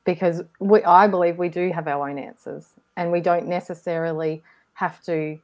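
A woman co-hosting a casual online discussion, reflective and gently encouraging, often restarting her sentences. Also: fairly low pitch, fairly even intonation, moderate pace. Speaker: co-host. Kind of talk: casual group discussion on a video call.

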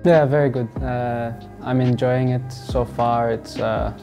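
A young Australian footballer answers questions in a sit-down interview, relaxed and halting, with plenty of fillers. His voice is medium-pitched with some vocal fry. He sits indoors before a wall of football boots while music plays underneath.

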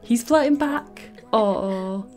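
A woman commenting on a game she is playing, gushing and giggly with excitement. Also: fairly high pitch, slow pace, faint music behind. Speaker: gaming YouTuber. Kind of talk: let's play commentary.

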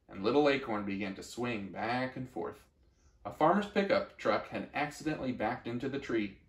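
Man, children's story read aloud, gentle, expressive, mid pitch, echoey room. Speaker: story reader.

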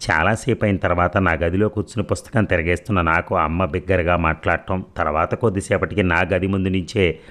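Deep-voiced man reading a story aloud. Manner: steady, measured storytelling. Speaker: story reader.

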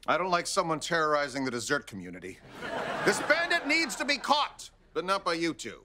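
A man's voice: a little high, big pitch swings, fairly quick, noisy background. A man playing an eager, hammy middle-aged superhero dad in a family sitcom. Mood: stern.

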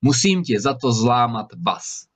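A man's voice: medium pitch, lively intonation, a bit bright. A man voicing a huge menacing male spirit trapped in a bottle, who thunders threats and wails pleas in a storybook reading. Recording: slightly dull recording.

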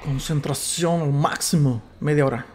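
A Mexican man commentating his gameplay casually, excitable and quick to swear, stammering as he tells stories. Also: on the high side, noisy background. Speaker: gamer. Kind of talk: casual let's play commentary.

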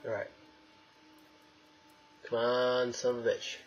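A young let's play host speaks slowly and in a monotone, his mid-range voice captured with lo-fi sound. His commentary is casual and wry, with swearing and lines aimed at the game's characters. The recording is noisy, game sound running behind.

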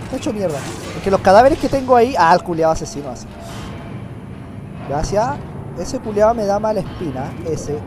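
Chilean guy with a cold, high lively voice. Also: a little fast, background noise. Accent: Chilean Spanish. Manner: crude, joking, bursts into loud swearing yells. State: has a cold, slightly nasal. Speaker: gameplay commentator. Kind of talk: casual let's-play commentary. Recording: game music playing behind.

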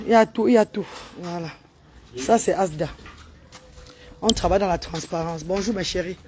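A woman's voice: lowish voice, normal speed, a little mellow, a little hiss or hum. A woman hosting a casual live stream at a charity event, chatty and calling out praise and instructions.

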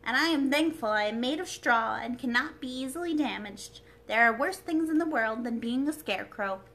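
A cheerful scarecrow made of straw, voiced by a woman reading a storybook aloud, sounds thankful and contented. His voice is calm and friendly, with a fairly high pitch. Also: normal speed.

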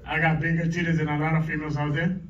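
A man's voice: a little high, little pitch movement, rapid-fire. A middle-aged man doing a stand-up comedy set on a club stage, teasing the crowd with crude banter. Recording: echoey club, distant mic, dull lo-fi.

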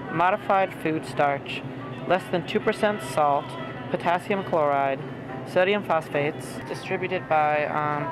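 A man's voice: a little high, low-quality recording. A man in his twenties chatting casually while shopping in a grocery store, thinking aloud with ums as he reads labels, recorded on a handheld camera. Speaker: vlogger. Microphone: handheld camera mic.

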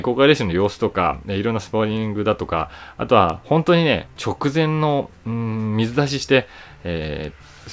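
A man in his forties, a voice actor and YouTube host, talks casually to camera in a low voice. His intonation moves around a lot as he explains things conversationally, leaning on key words for emphasis.

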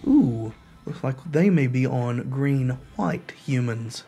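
A man with a medium-pitched, gravelly, mellow voice speaks slowly and expressively over slight background noise. Still getting over a cold, he commentates his own online card game, first explaining the card rules and then muttering along as he plays in casual gameplay commentary.

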